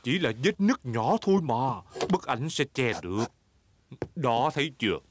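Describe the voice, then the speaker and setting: A man's voice: mid-range voice, sing-song, normal speed, noisy background, close to an everyday voice. A man voicing a good-natured, confident but bumbling father pig in a children's cartoon, breezy and reassuring. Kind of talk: animated children's cartoon dub.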